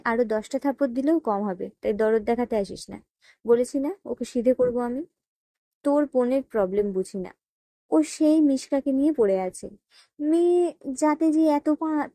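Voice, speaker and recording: A woman reading the lines of a hot-tempered young man in an audio story, shouting and speaking through clenched teeth. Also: high voice, normal speed, no room sound. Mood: angry.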